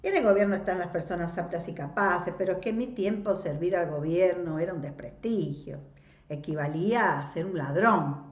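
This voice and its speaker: A woman's voice: on the low side, moderate pace, natural voice. Female reader voicing a cautious, paternal old landowner, muffled echoey recording. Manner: paternal, falsely jovial, cautious. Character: older landowner man, paternal and awkward.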